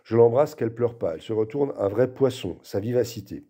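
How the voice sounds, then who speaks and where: Man reading a novel out loud, super mellow dark tone, acts out the bits people say. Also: mid-range voice, brisk, slightly rough. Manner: expressive reading, acting out quoted lines. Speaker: reader. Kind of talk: literary reading.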